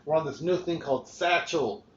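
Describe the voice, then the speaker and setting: A man's voice: fairly high pitch, normal speed. Rambling, profane man hosting a podcast. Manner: rambling, swears freely, frequent restarts. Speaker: podcast host. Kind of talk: casual podcast chat. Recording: roomy, dull lo-fi podcast recording.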